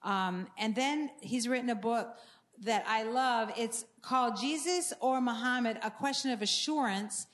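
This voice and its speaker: A woman from Maine, USA, speaks in a fairly high, unhurried voice. She's a ministry speaker giving an earnest church talk promoting books and ministry resources, with frequent fillers and restarts.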